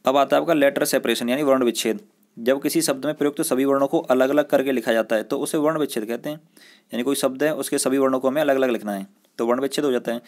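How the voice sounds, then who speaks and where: A man's voice: medium pitch, quick pace, a little mellow. A male school teacher giving a recorded lesson. He explains step by step, often checks in with the class, and asks questions that he answers himself.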